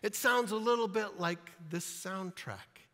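A man's voice: sits high, a little slow, sharp tone. A male pastor preaching a sermon, emphatic and earnest, acting out Bible scenes in playful asides. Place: church sanctuary. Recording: reverberant church hall.

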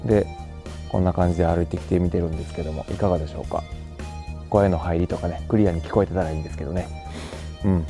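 Man, Kansai accent, lowish voice, rambling fillers, faint music underneath. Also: steady tone, fast, mellow. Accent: Kansai Japanese. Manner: chatty, thinking aloud with many fillers. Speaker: gear reviewer. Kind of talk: casual mic-test vlog. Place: indoors at home, later outdoors at night.

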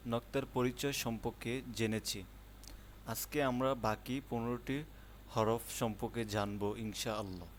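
A man with a Bangladeshi accent teaching the Arabic alphabet in an online lesson. He explains patiently, repeats his points, and draws out each letter sound slowly for students to copy. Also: mid-range voice, a little hiss or hum. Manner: slow, patient, drawn-out letter sounds for pronunciation.

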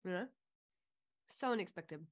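A woman's voice: fairly low pitch, expressive, moderate pace. A woman chatting casually as a reaction video host, laughing often.

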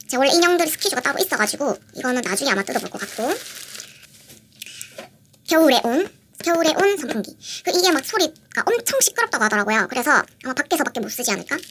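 High-voiced young woman gushing over merch. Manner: gushing, excitable, repeats cute over and over. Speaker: vlogger. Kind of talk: casual unboxing vlog. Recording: audible background noise with crinkling packaging.

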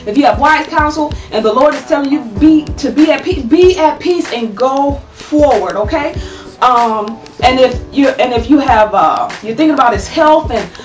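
Woman, 30s, advice vlogger. High voice, preachy and animated, echoey home room, far from the webcam. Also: normal speed, soft background music. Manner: animated, preachy, says "okay?" often. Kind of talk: casual advice talk to camera. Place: small room at home, indoors. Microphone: webcam at desk distance.

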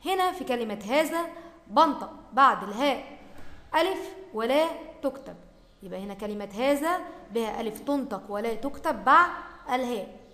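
A woman with an Egyptian accent teaches a primary class, her voice pitched high. She drags out example words slowly and then drops into quick explanations. The room is roomy and reverberant. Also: lively intonation, a bit bright. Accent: Egyptian Arabic. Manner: slow, stretched repetition of words for pupils, then quick asides. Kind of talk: recorded Arabic grammar lesson. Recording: echoey room with long reverb.

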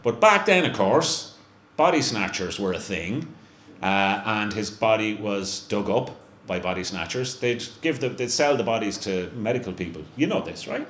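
A middle-aged Irish man, a guest representing a brewery, chats casually on stage at a small live venue, self-mocking and constantly restarting his sentences. His voice is on the low side, expressive and a bit bright at normal speed, heard through a handheld mic on a stand in an echoey room with a faint hum.

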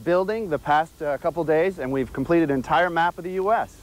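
Young adult man guest, friendly, slightly high, outdoors. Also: fairly quick, rough recording. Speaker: Lego builder, interview guest. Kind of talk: live TV interview. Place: outdoors on a park lawn. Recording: faint outdoor background noise.

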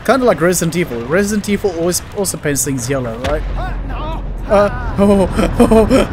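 High-voiced man joking through a game. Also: background noise. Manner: jokey, talks to game objects and characters. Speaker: let's play gamer. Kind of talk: casual gameplay commentary.

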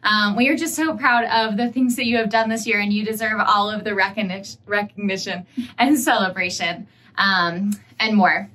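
Bright-voiced enthusiastic young woman. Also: medium pitch, steady tone, moderate pace. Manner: enthusiastic, many "um" fillers. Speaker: school staff host. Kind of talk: celebratory video message. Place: indoor school room, seated side by side.

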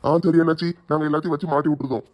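A man acting in a family comedy skit, arguing quickly. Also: on the high side, level tone. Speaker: son and shopkeeper in a family skit.

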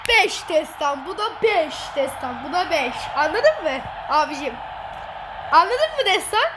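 A woman giving excited commentary over a football video game, teasing and gloating at her opponent and laughing often. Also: very high voice, measured pace. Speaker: gamer streamer. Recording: noisy game audio behind.

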